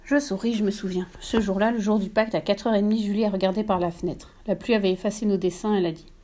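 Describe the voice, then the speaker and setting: Mellow-voiced woman reading a story. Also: mid-range voice, fairly even intonation, quick pace. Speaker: reader. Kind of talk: scripted story narration.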